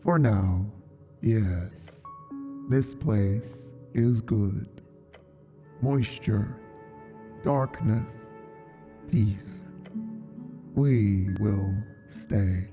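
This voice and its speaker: A woman voicing a giant, ancient male snail patriarch through a voice changer, speaking in slow, deliberate, halting words. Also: exaggerated voice. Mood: solemn. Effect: voice changer deepening the voice. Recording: muffled, with music behind.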